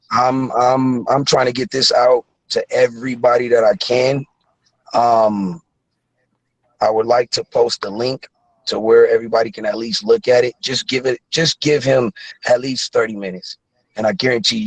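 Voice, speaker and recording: A man's voice: mid-range voice, steady tone, moderate pace, dry recording, low-quality recording. A man in his thirties talks earnestly, circling back on himself with plenty of fillers. His voice sits in an ordinary middle register, recorded dry and close with almost no room sound. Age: 30s. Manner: earnest, rambling with many fillers. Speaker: caller. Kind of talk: casual call-in chat.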